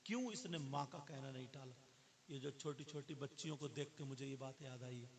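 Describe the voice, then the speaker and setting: A male preacher telling a moral story in a sermon, acting out the characters' lines and building to loud pleading cries. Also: medium pitch, a little hiss or hum.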